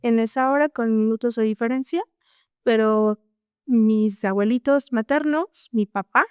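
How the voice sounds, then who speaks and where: A woman's voice: fairly high pitch, unhurried, darkish tone, clean tone, dry recording, clean studio sound. A young woman guest telling a personal story in an earnest, casual way, often tagging her lines with a questioning "no?". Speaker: podcast guest.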